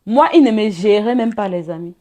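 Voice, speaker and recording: A woman, telling a personal story in a lively, chatty way and often laughing and speaking straight to her viewers. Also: mid-range voice, fairly quick. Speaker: vlogger. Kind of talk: casual storytime chat.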